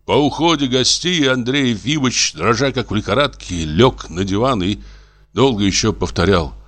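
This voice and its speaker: A man narrating classic fiction as an audiobook, with a measured, expressive reading. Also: medium pitch.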